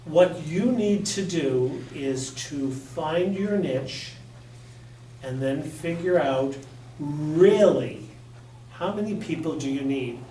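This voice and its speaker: Slow, blunt man in an echoey room. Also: a little high, lively intonation, mellow, recorded from a distance, a little hiss or hum. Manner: blunt, joking, emphatic. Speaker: workshop presenter. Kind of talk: informal training talk. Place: community center meeting room. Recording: echoey room, picked up from afar.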